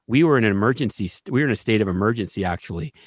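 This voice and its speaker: Animated male storyteller, dry sound. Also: on the low side, rapid-fire, husky, no echo. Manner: animated, keeps asking "right?". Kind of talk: casual storytelling.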